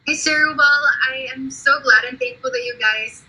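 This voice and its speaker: A woman's voice: high-pitched, moderate pace, pushed and bright, rough recording. A woman, a pageant candidate speaking politely and gratefully in an interview.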